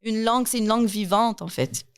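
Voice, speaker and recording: A woman's voice: fairly high pitch, a little fast, clear, resonant tone, no echo, clean studio sound. A young woman from Quebec with a Québécois accent, hosting a podcast interview and talking in a chatty, enthusiastic way with frequent restarts. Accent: Québécois French. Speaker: podcast host. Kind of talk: casual interview conversation.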